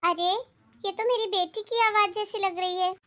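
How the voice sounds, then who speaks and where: A gentle, anxious mother fretting over her daughter, played by a woman in her own voice. She talks softly and warmly. Her voice is very high. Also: steady tone, moderate pace. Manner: anxious, gentle, soft-spoken. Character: worried, loving poor mother.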